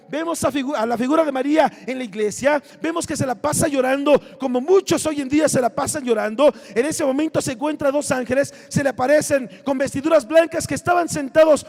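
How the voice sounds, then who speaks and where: High-voiced Mexican preacher, gravelly, church hall. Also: male voice, a little mellow. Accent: Mexican Spanish. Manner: impassioned preaching, voices prayers and biblical figures. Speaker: pastor. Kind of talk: sermon. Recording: long reverb from a church hall.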